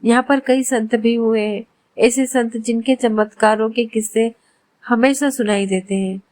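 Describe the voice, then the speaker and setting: A woman calmly and reverently narrating a devotional religious story. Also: fairly high pitch, measured pace, no room sound.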